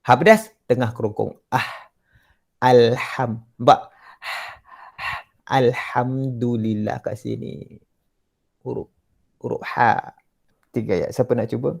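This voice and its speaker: A man with a Malaysian Malay accent teaching Quran recitation in an online class, patiently correcting students line by line and modeling slow recitation. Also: mid-range voice, steady tone, vocal fry, husky.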